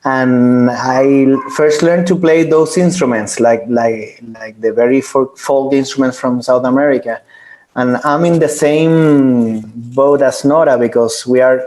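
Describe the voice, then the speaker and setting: Earnest halting man. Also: medium pitch, darkish tone. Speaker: band member. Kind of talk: casual Q&A answer.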